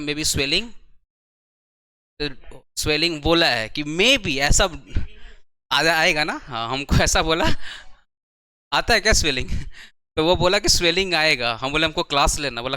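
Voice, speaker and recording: A man teaching a commerce tax class at a coaching centre, chatty and speaking slowly, often repeating his questions to the students. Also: a little high, bright, forceful tone, clean tone, dry recording. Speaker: commerce tutor. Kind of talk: classroom lecture.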